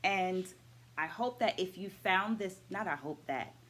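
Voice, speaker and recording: With a lowish, slightly bright voice, a middle-aged dance educator goes over a book's lessons in a measured vlog. She strings her points together in lists, asks viewers questions, and invites them to comment.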